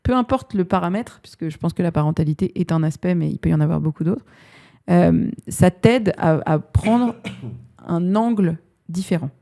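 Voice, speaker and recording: Woman, 30s, podcast guest; low, gravelly, thinks aloud and searches for words. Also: moderate pace, mellow. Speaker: guest HR director. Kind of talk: casual podcast interview.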